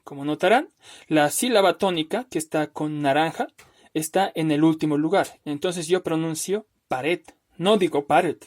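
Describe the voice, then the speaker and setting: A man teaching a recorded spelling lesson over slides, patient and step by step, often checking in with "¿no?" and slowly drawing out words to show where the stress falls. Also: fairly high pitch, darkish tone. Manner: patient, explains step by step with frequent "¿no?".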